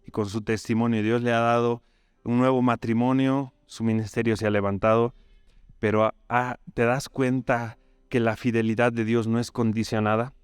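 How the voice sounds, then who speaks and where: A man's voice: medium pitch, little pitch movement, normal speed, clean tone, no echo, clean studio sound. A man with a Bolivian accent preaching a sermon. He tells the story conversationally and keeps asking tag questions of his listeners. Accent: Bolivian Spanish.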